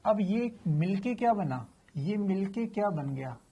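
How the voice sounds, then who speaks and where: A man's voice: high-pitched, expressive, a little slow, highs cut off, a little hiss or hum. A man teaching physics in a chatty, informal lecture, asking questions and answering them himself. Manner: addresses students familiarly, slips in slang.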